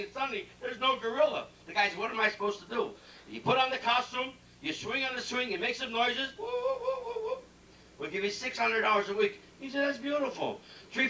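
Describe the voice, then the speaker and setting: High-voiced man doing brash stand-up. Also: pushed and bright. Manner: brash rapid-fire joke telling, teasing the crowd. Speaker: stand-up comedian. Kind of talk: stand-up comedy routine. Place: ship's cabaret lounge with live band. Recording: echoey lounge recording from far off with band music.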